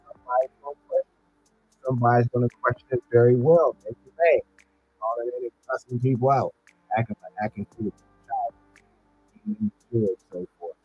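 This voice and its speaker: A man's voice: medium pitch, moderate pace, soft background music. A man giving casual opinionated commentary as a podcast guest. His voice sounds muffled, as if heard through a wall, and he repeats himself while he thinks aloud. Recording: muffled, distant remote call audio.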